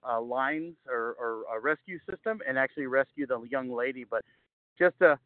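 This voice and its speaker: A man's voice: medium pitch, normal speed, no echo. A man from a fire department, his voice muffled through a face mask, speaking hesitantly with many fillers during a public meeting call. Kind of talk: halting public comment on a call. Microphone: call-in or video call audio. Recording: tinny phone-like line, dry.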